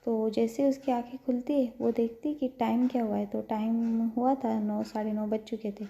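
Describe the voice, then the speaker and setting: A woman's voice: on the high side, flat delivery, normal speed, gravelly, mellow, lo-fi sound. A woman narrating a love story in a casual, chatty way, with frequent fillers and self-corrections.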